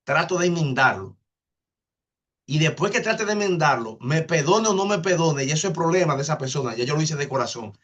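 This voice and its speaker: A man's voice: on the high side, animated, a little fast, fairly bright tone. A man, teaching an online spiritual class in a casual way, answering viewers' comments earnestly and repeating words while he thinks.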